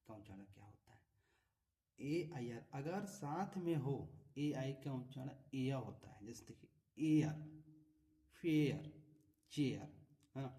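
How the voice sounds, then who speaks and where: A male teacher explains English vowel rules step by step. He repeats each example word and keeps asking whether the listener follows. His voice is dark and mellow and sounds a little distant from the microphone. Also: medium pitch. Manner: patient, repeats examples, frequent tag questions. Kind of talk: classroom-style explanation. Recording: voice from a distance off the mic.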